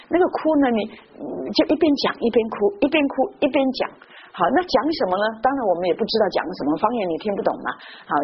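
A woman preaching a sermon, telling personal stories in a lively way full of interjections. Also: a little high, breathy edge. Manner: lively storytelling with frequent interjections. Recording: muffled lo-fi recording with faint noise.

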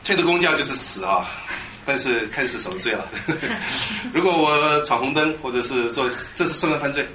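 A man preaching a lively Bible teaching sermon, quizzing his congregation and drilling them on Greek words. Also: medium pitch, brisk, few pauses. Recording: echoey hall with background noise.

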